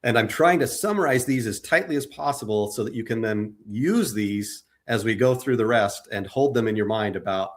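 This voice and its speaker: A man with a fairly low voice, a podcast guest talking through his ideas in a loose, conversational way. He stops and restarts his sentences often and stammers over the first words. He keeps explaining, one point after another. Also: normal speed, hardly any pauses. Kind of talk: casual discussion.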